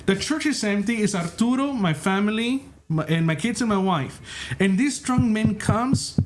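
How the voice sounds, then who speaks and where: Earnest, slightly high-voiced male pastor. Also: expressive, moderate pace. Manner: earnest, piles up repeated "and" while telling. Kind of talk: casual storytelling in a conversation.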